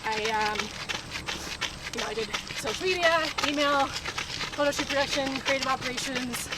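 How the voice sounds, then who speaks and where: A woman's voice: high-pitched, moderate pace. A woman chatting casually in an interview while running outdoors, with lots of filler words. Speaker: interview guest, marketing professional. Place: outdoors, on the move. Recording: noisy outdoor recording, ambient vehicle sounds.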